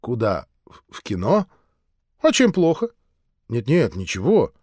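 A man voicing a timid, bewildered Martian man in an audiobook, speaking quietly and hesitantly. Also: mid-range voice, wildly swooping pitch, measured pace, no echo, studio quality.

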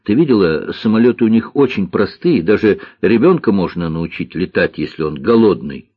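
A man with a husky voice voicing an earnest, sad young boy pilot in an audiobook story. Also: low-pitched, expressive, normal speed, no echo. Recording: dull lo-fi dry recording.

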